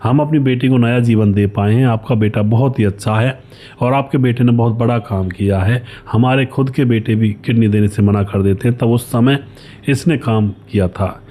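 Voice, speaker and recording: A man playing a grateful wealthy wife in a spoken story, humble and pleading. The tone stays mellow and ends quieter and lower. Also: moderate pace, lightly acted. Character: grateful wealthy wife, middle-aged woman.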